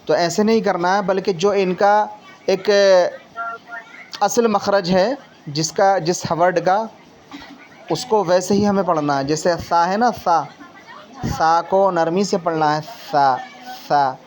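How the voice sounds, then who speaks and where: A man's voice: high-pitched, steady tone, a little hiss or hum. A patient man teaching letter sounds. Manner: explains slowly, repeats each letter sound for the learner; leans on the filler tag "na" while explaining. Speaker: Quran reading teacher. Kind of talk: patient tajweed lesson.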